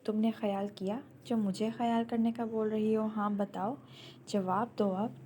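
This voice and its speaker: A woman's voice: mid-range voice, fairly even intonation, slight background noise, natural voice. A woman playing a bossy, hot-tempered young man. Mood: angry. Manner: shouting, demanding.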